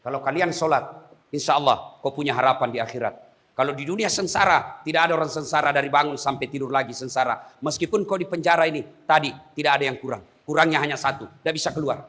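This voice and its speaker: A man preaching a humorous sermon to inmates in an animated, emphatic style. His voice is bright and forceful and sits slightly high, and he talks to his listeners directly and bluntly. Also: fast talker. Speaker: Islamic preacher.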